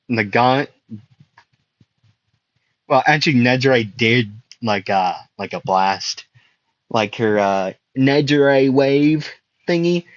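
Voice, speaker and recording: A young man spins an improvised fan story at a slow, easy pace, constantly stopping to correct himself. The recording is dry with no room sound and a muffled, lo-fi tone. His voice sits at a middling pitch. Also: dry recording. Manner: rambling, full of fillers and self-corrections. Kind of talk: improvised fan-fiction narration.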